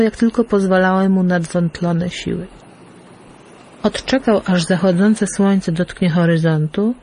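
A woman narrating a fairy tale in an expressive, lilting storyteller manner. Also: lowish voice, husky. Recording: faint background music.

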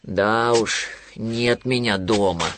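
A man voicing a gloomy, sluggish male bear cub who speaks slowly with sighs. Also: mid-range voice, slight background noise, natural voice. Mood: glum. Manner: slow, sighing, glum.

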